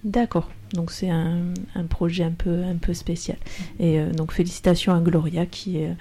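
A woman's voice: fairly low pitch, little pitch movement, normal speed, dark tone. A woman hosting a radio talk show in a studio, introducing guests with hesitant fillers.

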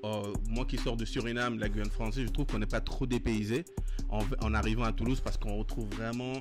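A man's voice: lowish voice, level tone, fairly quick. A man from Guiana, talking casually as a guest musician, hesitant, with many fillers and restarts. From French Guiana. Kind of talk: casual interview chat. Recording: music playing behind.

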